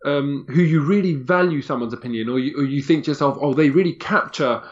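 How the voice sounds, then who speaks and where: A man's voice: a little high, a little fast, highs cut off. A man, a guest in a casual podcast conversation, talking candidly and emphatically, often repeating himself.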